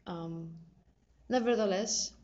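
A Polish drama student in her twenties talks casually and hesitantly about herself, with many ums and restarts and a Polish accent. Her medium-pitched voice is slow and a little mellow, captured in a dull, lo-fi recording.

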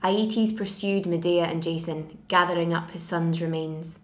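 A woman's voice: on the low side, steady tone, unhurried. Young woman with a Glasgow accent. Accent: Glasgow Scottish. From Scotland. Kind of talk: reading a passage aloud, then casual self-introduction.

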